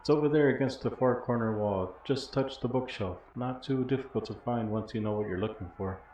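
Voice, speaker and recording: A man's voice: mid-range voice, brisk, a little mellow, close to an everyday voice. A man voicing a poor, blind old former smuggler from a video game, wry and bitter, in a rambling storyteller's delivery. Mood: wryly amused. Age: older. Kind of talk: reading video game dialogue in character. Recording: dull, roomy audio with faint noise.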